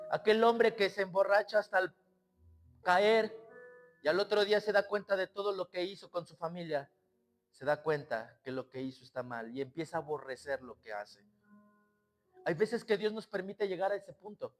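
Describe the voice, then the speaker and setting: A male pastor preaching a sermon, swinging between loud exclamations and quiet asides and acting out the scenes he tells. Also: high-pitched. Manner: acts out quoted voices and scenes.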